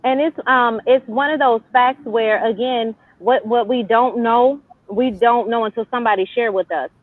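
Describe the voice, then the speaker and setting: A woman's voice: on the high side, normal speed, narrow, tinny audio. A young woman speaking casually as a talk show guest over a thin remote line. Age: young adult. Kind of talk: casual conversation.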